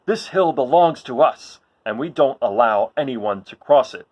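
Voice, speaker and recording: Man putting on a rough, hostile hammerhead creature. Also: medium pitch, animated, normal speed, darkish tone, muffled recording, natural voice. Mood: hostile, forbidding. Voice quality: rough voice, harsh laugh. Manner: blunt, taunting. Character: rough, hostile, strange armless male hammerhead hill guardian.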